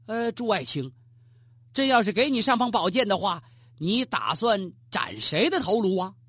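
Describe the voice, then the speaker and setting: A storyteller voicing a male emperor of ancient times who flies into rage, barks orders, and then grudgingly relents, in a husky voice with wide swings of pitch. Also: very animated, moderate pace, a bit bright, no room sound. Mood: questioning. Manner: barking commands, rash.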